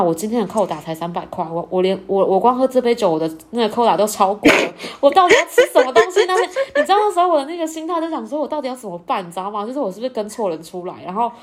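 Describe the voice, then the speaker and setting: A young woman hosts a casual podcast, rattling through a story at a quick clip. She laughs often and slips into the voices of the people she quotes. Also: mid-range voice. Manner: animated, laughs often, acts out quoted lines. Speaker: podcast host.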